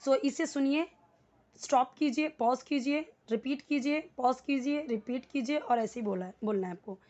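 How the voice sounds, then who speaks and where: A woman teaching spoken English in Hindi, explaining grammar step by step and repeating words slowly for learners to copy. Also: high voice, darkish tone. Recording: dull lo-fi recording.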